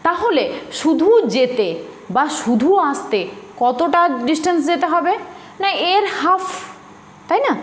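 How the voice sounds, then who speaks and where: A woman teaches a physics class, patient and explanatory, often asking her students a question before answering it. Her voice sits high and swoops with lively intonation. The recording is roomy with a faint hiss underneath. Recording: echoey room with faint hiss.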